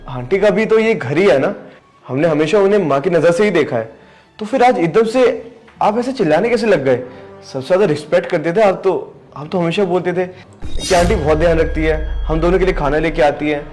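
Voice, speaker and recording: Young man acting an earnest, pleading younger brother, slightly high voice, faint music. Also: a little fast, darkish tone, close to an everyday voice. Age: young adult. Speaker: younger brother in a family skit. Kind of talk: scripted family drama skit.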